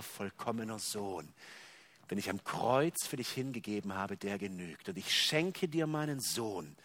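A man preaching a sermon, speaking the words of God in a quiet, solemn and earnest way. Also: fairly low pitch, pitched below the performer's own voice, heavily acted.

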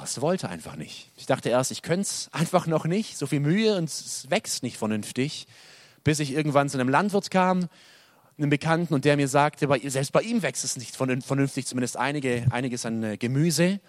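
Man preaching with loud and soft swings. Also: mid-range voice, no echo. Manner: dynamic preaching, loud emphatic peaks dropping to soft quiet lines. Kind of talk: sermon.

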